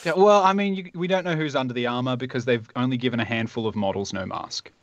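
A man's voice: medium pitch, quick pace, dry recording, lo-fi sound. A man co-hosting a casual gaming podcast, laid-back and chipping in with quips.

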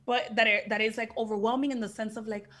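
Speaking fast in a slightly high, somewhat bright voice with flat delivery, this young actress of Dominican heritage joins a casual podcast interview over video call. Her English carries a Dominican Spanish tinge, and she is frank and emphatic, swearing now and then, in an indoor room against a plain backdrop.

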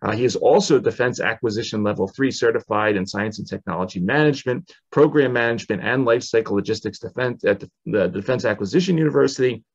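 A man's voice: fairly low pitch, fast talker, few pauses, lo-fi sound. A man in his forties hosting a podcast over a video call from a home office, reading a long guest introduction with frequent "uh" fillers. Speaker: podcast host. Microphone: headset on video call.

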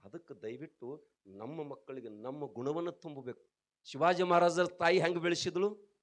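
A man with a North Karnataka Kannada accent delivers a sermon, his voice sitting a little high for a man. He tells his stories dramatically, rising into loud exclaims and then dropping into quiet asides, and keeps throwing rhetorical questions at the crowd. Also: normal speed. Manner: dramatic storytelling, swinging between loud raised outbursts and quiet low asides; addresses the audience often with rhetorical questions. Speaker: swami giving a pravachan. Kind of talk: sermon to villagers.

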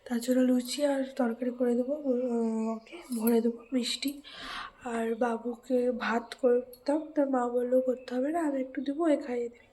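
A woman's voice: on the high side, steady tone, moderate pace, warm tone, rough recording. A woman, chatting casually to her viewers as a home vlogger. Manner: chatty, talks straight to viewers as friends. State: hoarse from a cold. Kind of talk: casual home vlog chat. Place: home indoors.

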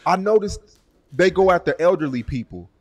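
A man's voice: high voice, animated, normal speed. A young adult man interviewing casually, asking probing questions with many fillers.

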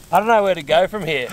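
A man's voice: high voice, a bit bright. A middle-aged Australian man joking and poking fun at himself at a snowy campsite, laughing often. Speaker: camping companion. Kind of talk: casual banter. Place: snowy bush campsite outdoors. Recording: noisy outdoor camera audio.

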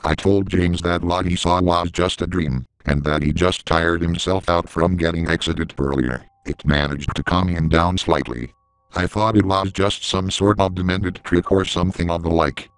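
A man giving scripted horror story narration in a steady, measured way, recorded on a close mic. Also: low-pitched, clear, resonant tone, no echo, rough recording.

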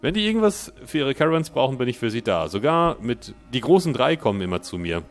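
A man's voice: mid-range voice, sing-song, fast, faint music behind, pitched above the performer's own voice. A man voicing a slick, friendly male merchant who brags about his deals, in upbeat salesman patter. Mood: chummy sales pitch. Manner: upbeat salesman patter, read aloud from the game's dialogue.

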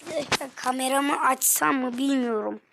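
High-voiced gamer, whispering then yelling. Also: female voice, normal speed, creaky, noisy background. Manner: swings from whispers to frustrated shouts at the game. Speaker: gaming streamer. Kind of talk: live gameplay commentary.

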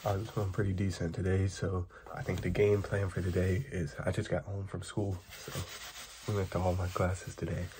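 A young man in his late teens chatting casually in a soft, close-up fast ASMR style, rambling and slangy, slightly under the weather. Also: low-pitched, flat delivery. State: getting over an illness. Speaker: ASMR video maker. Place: bedroom, indoors. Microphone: close, at arm's length from camera. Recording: loud noise of clicks and handling.

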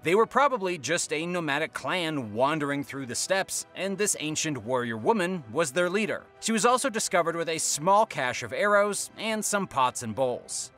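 A man's voice: on the high side, pushed and bright. A man narrating a scripted countdown video in a dramatic way, posing teasing questions to the viewer.

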